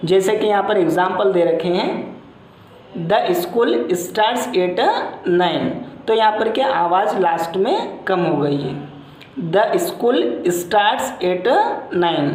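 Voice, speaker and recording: A woman teacher explaining a lesson step by step and slowly repeating example sentences. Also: mid-range voice, darkish tone. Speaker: English teacher. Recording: echoey room.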